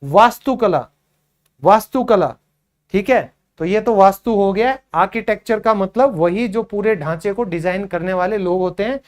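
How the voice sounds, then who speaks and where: A man teaching spoken English to beginners, repeating each word slowly and calling his learners friends. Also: high voice.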